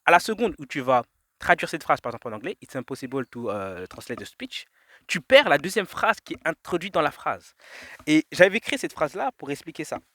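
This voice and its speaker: A man's voice: fairly high pitch, expressive, brisk, bright, forceful tone, dry recording. A man vlogging outdoors, talking his thoughts through in a drifting monologue, full of fillers, restarts and detours. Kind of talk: rambling reflective monologue. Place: outdoors in nature.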